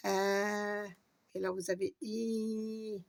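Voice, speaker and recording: A woman's voice: medium pitch, little pitch movement, drawn-out words, vocal fry, a little mellow. A woman giving a patient, step-by-step Arabic reading lesson, spelling out letters and stretching long vowels. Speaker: Arabic teacher.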